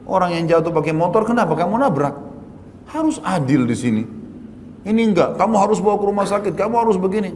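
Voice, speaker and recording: A man, an Islamic preacher, giving a conversational religious study lecture with everyday examples and Arabic phrases, his pitch jumping up for emphasis. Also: a little mellow, slight background noise. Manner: rises sharply in pitch for emphasis. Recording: reverberant hall with faint ambience.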